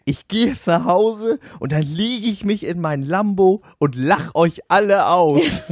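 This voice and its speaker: A man doing a shrill boastful pub brawler. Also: animated, a little slow, no echo, studio quality. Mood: ranting. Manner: shrill, shouting rant.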